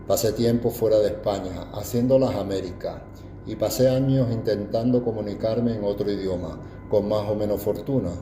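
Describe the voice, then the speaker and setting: A man's voice: on the low side, normal speed, dark tone, a little hiss or hum. Older Andalusian man, proud, roomy sound. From Andalusia, Spain. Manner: proud, reflective storytelling. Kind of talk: personal testimony.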